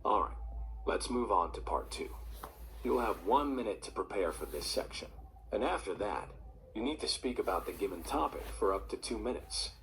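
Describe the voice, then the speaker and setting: A man reading formal exam questions in a measured way, heard played back through a laptop speaker. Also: on the low side, lively intonation, vocal fry, fairly bright tone, slight background noise, low-quality recording. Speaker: exam examiner recording. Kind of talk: scripted test prompts.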